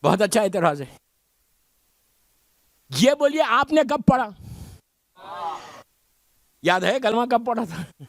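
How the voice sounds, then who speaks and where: Middle-aged man, cleric, very high voice, dry close sound, emphatic majlis sermon, rhetorical questions. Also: sing-song, creaky, pauses often, no echo.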